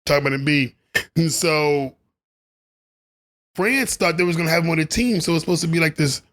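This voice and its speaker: A man's voice: a little high, brisk, a bit bright. A man delivering a rambling, opinionated basketball commentary monologue, laughing at his own asides. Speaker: sports commentary vlogger.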